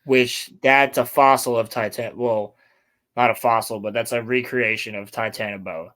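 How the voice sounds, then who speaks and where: A male host with a mid-range voice chats casually with a co-host. He presents his topics and reads articles out loud. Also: medium pitch, steady tone, moderate pace. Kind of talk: casual chat and reading articles aloud.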